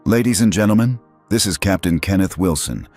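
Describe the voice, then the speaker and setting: A man's voice: low-pitched, animated, a little fast, darkish tone, soft background music, pitched above the performer's own voice. A man voicing an airline captain making formal announcements over the intercom.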